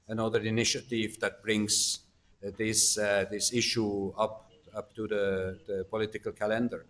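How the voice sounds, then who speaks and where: Male ambassador, low voice, hesitant panel answers with frequent restarts. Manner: halting, many restarts and fillers. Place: conference hall.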